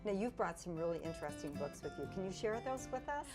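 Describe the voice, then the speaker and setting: A woman's voice: on the low side, lively intonation, fast talker, over music. A woman hosting an interview, putting prepared questions to a guest and introducing each part. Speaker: interview host. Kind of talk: scripted-sounding interview questioning.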